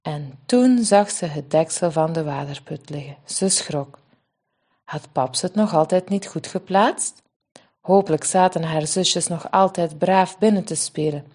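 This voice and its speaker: A woman reading a story aloud for children, with a lively and expressive delivery. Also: low-pitched, measured pace.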